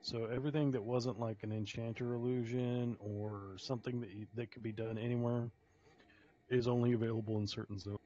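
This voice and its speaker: A man on gaming voice chat explaining technical details, pausing with fillers. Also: mid-range voice, flat delivery, warm tone. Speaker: online game player. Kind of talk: casual voice chat while gaming. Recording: dull lo-fi voice chat audio.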